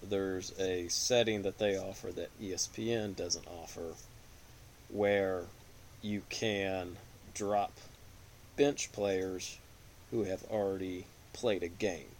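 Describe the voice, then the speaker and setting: A man co-hosting a casual fantasy football podcast, telling stories in an animated, exasperated way. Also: sits low, takes it slowly, a little hiss or hum. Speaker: podcast co-host.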